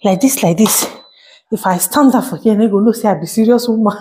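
A woman's voice: mid-range voice, brisk, music in the background, natural voice. A young woman with a Nigerian Pidgin accent plays a dramatic, stubborn pregnant wife in a comedy skit, pleading and whining theatrically. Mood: scheming. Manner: pleading, whiny, theatrical fake crying.

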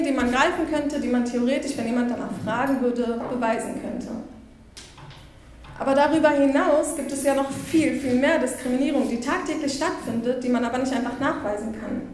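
A woman's voice: high-pitched, roomy sound, slight background noise. A woman in her twenties from Berlin giving a conference talk on a headset mic, telling stories in an earnest way and acting out what people said to her. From Berlin, Germany. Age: 20s. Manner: earnest storytelling, acting out quoted remarks. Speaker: conference speaker. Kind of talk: stage talk. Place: bright conference room with windows.

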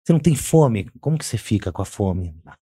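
Low, dark-voiced São male host. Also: lively intonation, fast, breathy edge, no room sound. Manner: short prompting questions and interjections. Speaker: podcast host. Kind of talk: interview conversation.

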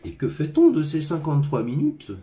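A man voicing a curious, gentle little boy prince while reading a storybook aloud. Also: fairly high pitch, wildly swooping pitch, brisk, pitched above the performer's own voice. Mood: wondering. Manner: wondering, questioning.

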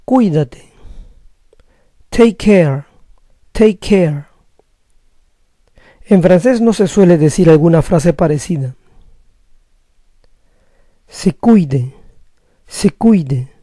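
A man who teaches language leads an expressive, slow vocabulary drill, repeating each phrase twice in a mellow, somewhat high voice. He keeps a very unhurried, measured pace, and the audio is dry with no room echo.

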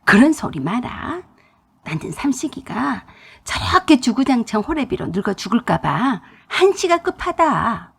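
Pushy older mother-in-law, put on by a woman storyteller: low scolding hush, breathy edge. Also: very animated, measured pace, exaggerated voice.

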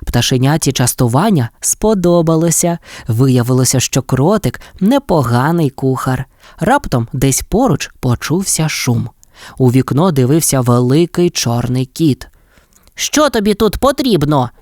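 Low-voiced woman reading a children's tale. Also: measured pace, dry recording, studio quality. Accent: Ukrainian. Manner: expressive, lively storytelling. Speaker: storyteller. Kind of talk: children's audiobook narration.

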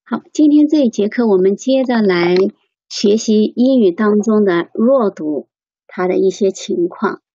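Patient woman teacher, mellow husky tone, dull dry call audio. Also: mid-range voice, no echo. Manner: slow, patient, repeats examples. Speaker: English teacher. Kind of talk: online pronunciation lesson.

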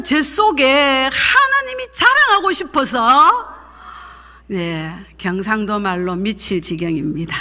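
A woman's voice: fairly high pitch, pushed and bright. A woman, a pastor's wife giving an emphatic, fervent sermon testimony. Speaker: pastor's wife leading a seminar. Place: church sanctuary. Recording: echoey church hall.

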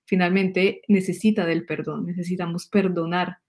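A Colombian woman in her thirties, an astrologer with a Colombian Spanish accent, hosts a casual spiritual conversation over a video call webcam from a room at home. She tells stories animatedly, laughs often and repeats words, yet her fairly low, darkish voice shows little pitch movement at a moderate pace.

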